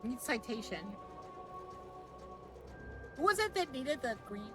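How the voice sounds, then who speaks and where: A woman streaming a game live, chatting playfully with viewers and breaking into loud tsundere-style outbursts. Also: sits high, big pitch swings, slow, over music. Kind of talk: live gameplay chat.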